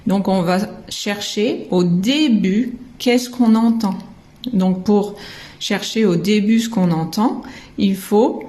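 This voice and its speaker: This French woman teaches kindergarten and walks through how young children learn to write words, patiently breaking them into syllables and individual letters. She speaks in a mid-range voice with a dark tone, explaining slowly and step by step.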